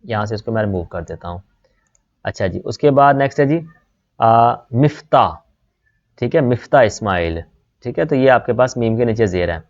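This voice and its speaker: A man's voice: on the low side, expressive, a little fast, a little mellow. A man from Pakistan who teaches online, walking his students through exam questions one word at a time and often saying "beta" and "theek hai". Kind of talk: exam-prep lesson, word by word. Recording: slightly dull lo-fi audio.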